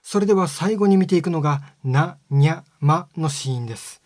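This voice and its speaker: A man giving a scripted lesson on speech sounds, explaining step by step in a calm, polite way. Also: fairly high pitch, moderate pace, no room sound, studio quality. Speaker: phonetics teacher.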